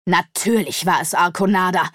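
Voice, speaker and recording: A woman's voice: fairly low pitch, normal speed, fairly bright tone, dry recording. An imperious male demon sorcerer, as a woman reader puts him on for an audiobook. He barks his orders harshly and raises his voice sharply. The recording is dry and close. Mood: haughty. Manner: commanding, snapping, harsh. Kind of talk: audiobook character voice.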